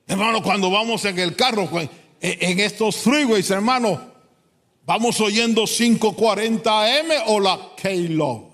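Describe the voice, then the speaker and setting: A fervent man preaches, his voice sitting high and his delivery unhurried and drawn out. He swings between hushed asides and loud, pleading cries. The church hall rings with a long reverb. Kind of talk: sermon.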